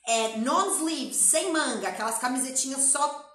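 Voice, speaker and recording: A Brazilian woman teaches an English lesson with energy, drilling words and repeating phrases. Her voice sits high and sounds bright and forward. The room around her rings with a noticeable echo. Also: measured pace. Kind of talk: lively classroom-style language lesson.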